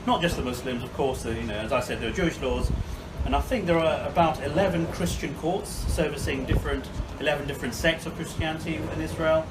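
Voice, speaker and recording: A man from Bangladesh giving a measured video monologue outdoors by the sea, pausing often with fillers. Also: fairly high pitch. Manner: measured, frequent filler pauses. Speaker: commentator. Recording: distant mic with clear background noise.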